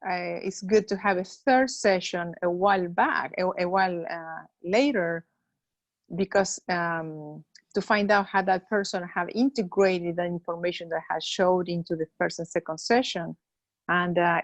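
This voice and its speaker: Middle-aged counselor from Argentina, woman, low-pitched and unhurried, close dry recording. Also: no echo. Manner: slow, hesitant, many fillers. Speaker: holistic counselor. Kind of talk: interview answers.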